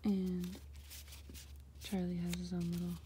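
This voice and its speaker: A woman's voice: lowish voice, completely flat delivery, measured pace, very noisy. A woman in her twenties, a mom, chatting casually to camera in a light, self-mocking vlog. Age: 20s. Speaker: vlogger and mom.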